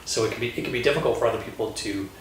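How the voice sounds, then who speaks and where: A man from Colorado, a lawyer, hosting a relaxed panel chat, talking with many fillers and pauses. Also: on the low side, slight background noise. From Colorado, USA. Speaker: host, lawyer. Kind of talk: casual panel conversation. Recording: roomy echo, distant mic.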